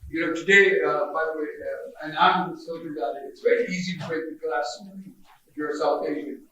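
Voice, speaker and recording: A man's voice: on the high side, steady tone, brisk, sharp tone. A man moderating a panel, chatty and joking, asking long winding questions. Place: large conference hall. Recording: echoey hall, distant mic.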